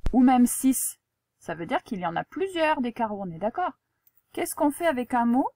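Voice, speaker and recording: A woman's voice: fairly high pitch, a little mellow, a little hiss or hum. A woman teacher giving a spelling lesson and dictation to a young pupil, articulating carefully, spelling out letters and asking the pupil patient questions.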